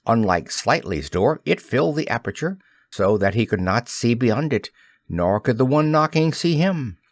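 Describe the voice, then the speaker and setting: A man narrating a classic children's novel as an audiobook, in measured, expressive storytelling. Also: medium pitch, no echo, studio quality. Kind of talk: scripted narration.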